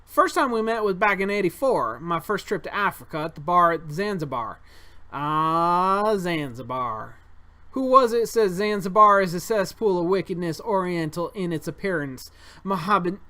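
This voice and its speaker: A man's voice: high voice, bright, forceful tone, pitched above the performer's own voice, exaggerated voice. A man putting on a boastful circus showman. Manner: folksy, bragging drawl with put-on accent. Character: boastful male circus owner, middle-aged showman. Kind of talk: reading a board game character aloud.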